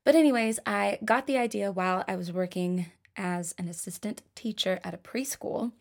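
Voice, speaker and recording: A woman's voice: medium pitch, normal speed, vocal fry. Chatty, self-deprecating young woman songwriter. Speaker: singer-songwriter. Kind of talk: casual talk about songwriting.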